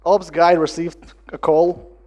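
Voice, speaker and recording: A man from Latvia, giving a conference talk in a lively storytelling way with phrasing. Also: fairly high pitch, slow pace, highs cut off. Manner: lively storytelling with acted-out dialogue and non-native phrasing. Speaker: conference speaker.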